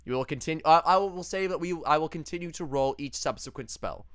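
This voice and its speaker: A man's voice: a little high, fast, fairly bright tone. Man narrating as game master. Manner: laughs often while narrating.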